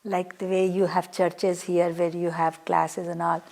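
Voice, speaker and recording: Woman, Indian English accent, gravelly voice, conversational interview. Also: fairly low pitch, little pitch movement, a little slow, darkish tone. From Uttar Pradesh, India. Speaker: temple member. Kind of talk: documentary interview.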